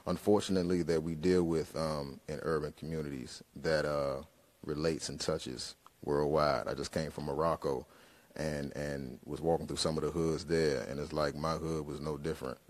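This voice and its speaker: A man in his thirties, a rapper, talking into a handheld mic on a concert hall stage and then rapping in punchy rhythm. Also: a bass voice. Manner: relaxed talk trailing off quiet, then punchy rhythmic rap. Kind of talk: interview answers, then rapping over live winds. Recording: live music in a hall.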